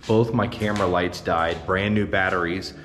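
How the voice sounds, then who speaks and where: A man's voice: low-pitched, fairly even intonation, normal speed, fairly bright tone, faint music behind. Uneasy man vlogging, echoey room. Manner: slangy, uneasy. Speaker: solo paranormal investigator, host. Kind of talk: handheld ghost-hunting vlog, casual narration and calling out to spirits. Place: abandoned jail at night, indoors and just outside. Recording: echoey empty building, faint noise.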